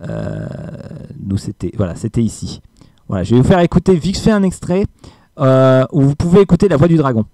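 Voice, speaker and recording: A man's voice: medium pitch, very animated, a little fast, warm tone, no room sound. A man giving a casual film review, hesitant with many fillers and emphatic asides.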